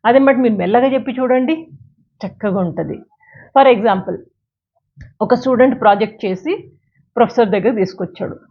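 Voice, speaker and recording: A woman's voice: a little high, normal speed, long pauses, husky. A woman giving a motivational talk that counsels listeners directly and uses everyday examples. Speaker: self-help speaker. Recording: tinny phone-like sound, faint music.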